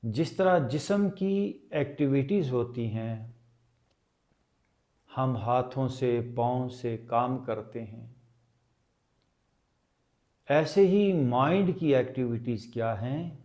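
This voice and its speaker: A man with a medium-pitched voice leads a guided meditation as a teacher. He speaks calmly and deliberately, leaving long pauses.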